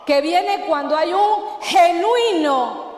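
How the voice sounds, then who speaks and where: High-voiced woman pastor preaching in an echoing hall. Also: lively intonation, slow, a little mellow. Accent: Mexican Spanish. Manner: emphatic preaching with call-and-response questions. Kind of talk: sermon. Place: church hall. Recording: echoey church hall, long reverb.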